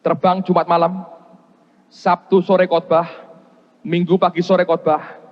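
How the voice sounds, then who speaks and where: An Indonesian pastor with a fairly high voice delivers a sermon, telling his story and voicing the people in it. His voice rings with a long hall echo and the sound is a little muffled, as in a big church. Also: level tone, measured pace. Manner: storytelling, quoting God and others in dialogue.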